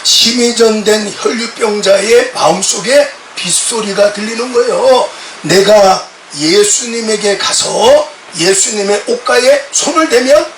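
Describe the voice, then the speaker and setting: A middle-aged male pastor preaching a sermon with passion and often shouting out quoted words, recorded in a church from a distance. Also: high-pitched, unhurried, a little hiss or hum. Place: church sanctuary. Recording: echoey church sound from a distant mic.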